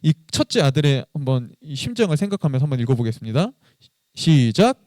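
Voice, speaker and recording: A man's voice: a little high, big pitch swings, brisk, darkish tone, no echo, clean studio sound. A man preaching a sermon as pastor, telling a story with many rhetorical questions.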